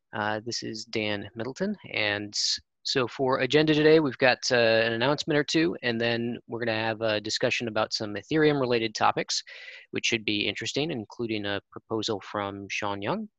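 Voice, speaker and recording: A man chairing a technical committee meeting on a conference call, halting with many fillers. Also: medium pitch, fairly bright tone, dry recording, lo-fi sound.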